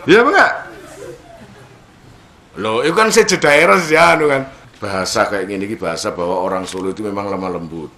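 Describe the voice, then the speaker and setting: A man's voice: lowish voice, fairly quick, pauses often. A man giving a humorous religious talk, acting out characters and laughing often. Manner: animated storytelling, acts out characters and laughs often. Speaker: preacher.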